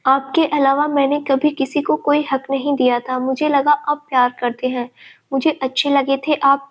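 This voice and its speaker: A hurt, stubborn young woman from a storybook, drunk and tearful, pleading and reproaching her lover, as a woman narrator puts her on. The voice sits high and barely moves in pitch, with the same reading tone as the narration. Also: natural voice.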